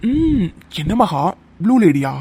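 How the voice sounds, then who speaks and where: A voice actor doing a leering young office creep from a cartoon who stalks a coworker after hours. His voice swings up and down as he teases and insinuates, smug and unhurried. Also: mid-range voice, sing-song, mellow, husky, exaggerated voice. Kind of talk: cartoon voice acting.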